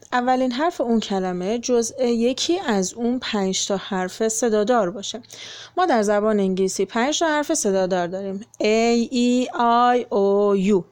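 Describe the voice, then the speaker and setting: A woman's voice: on the high side, a little mellow. A young woman teacher going through an English textbook lesson for children, explaining each step patiently and translating every phrase. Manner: patient, explains then translates, many fillers.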